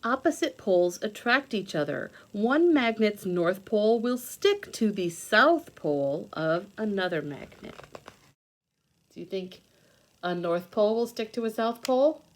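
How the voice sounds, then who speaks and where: In this read-aloud lesson for young children, a woman teacher explains things patiently with simple words, repetition, and questions. Her mid-range voice is animated yet unhurried.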